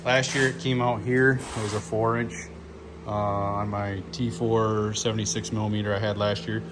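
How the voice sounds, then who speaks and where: A man with a voice on the low side and little pitch movement talks at a moderate pace while hosting a car fabrication video. His walkthrough is hands-on, plainspoken and informal, like thinking out loud. The handheld shop video picks up ambient noise.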